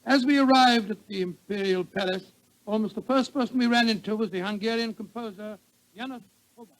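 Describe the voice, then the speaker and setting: An actor playing an elderly, genial British doctor who blusters and tells stories in 1940s radio drama style. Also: male voice, sits high, brisk, close to an everyday voice, low-quality recording. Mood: genial storytelling. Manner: avuncular, blustering, repeats himself. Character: elderly genial doctor, fussy storytelling companion of a detective.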